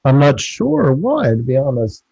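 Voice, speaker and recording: A man's voice: medium pitch, wildly swooping pitch, unhurried, gravelly, warm tone, slight background noise. A man in casual chat as a call-in guest, sounding muffled and distorted through a faulty microphone, like he's behind a wall. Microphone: faulty microphone over a call. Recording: muffled, buzzing call mic.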